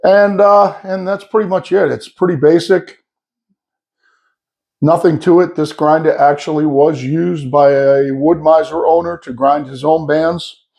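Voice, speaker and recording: Male, slightly higher voice, warm tone, plain-spoken how-to walkthrough in a workshop. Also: fairly even intonation, unhurried, creaky. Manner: plain-spoken, explains step by step with fillers. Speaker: sawmill owner showing his setup. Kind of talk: casual workshop demo. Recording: echoey, mics off.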